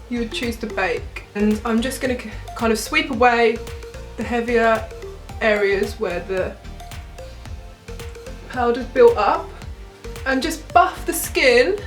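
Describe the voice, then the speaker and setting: A woman's voice: fairly high pitch, roomy sound. A young woman vlogger chatting casually and cheerfully through a makeup tutorial, with giggly asides. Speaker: beauty vlogger.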